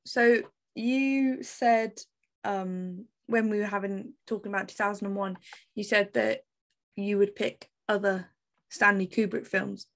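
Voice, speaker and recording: A woman's voice: medium pitch, fairly even intonation, measured pace. A young woman in her twenties co-hosting a film podcast, curious and asking follow-up questions. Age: 20s. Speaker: podcast co-host. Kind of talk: casual film-review chat.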